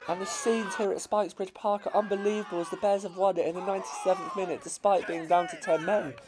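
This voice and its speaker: A man with an English accent commentating on his own amateur football team's match highlights, his voice cracking as the excitement builds. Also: fast talker, noisy background. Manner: builds to shouting excitement at late chances.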